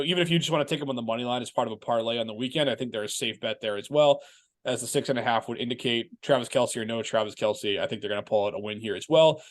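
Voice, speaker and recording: A man hosting a casual sports podcast talks at a rapid pace, his voice sitting in a middle register. He is from Massachusetts and chats loosely, often restarting his sentences. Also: mid-range voice. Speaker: podcast host.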